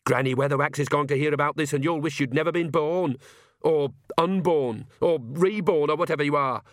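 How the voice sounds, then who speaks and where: An indignant young witch, as a male narrator puts her on fires off her words with urgent defiance. Her voice is pitched high above his own and sounds dry and close. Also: brisk, dry recording, lightly acted. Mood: defiant.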